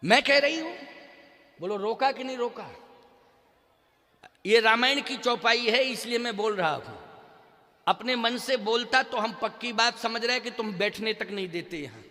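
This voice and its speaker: A man's voice: very high voice, normal speed, pushed and bright, big-room sound. An older man giving a devotional sermon to an audience, speaking emphatically, throwing rhetorical questions to the listeners and sometimes chanting verses in a sung tone. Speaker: spiritual teacher.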